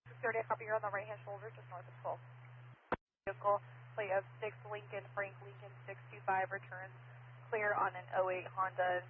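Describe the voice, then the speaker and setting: High-voiced guy dispatching over police radio, flat clipped code talk, tinny phone-like sound. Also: fairly quick, slight background noise. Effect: police radio transmission.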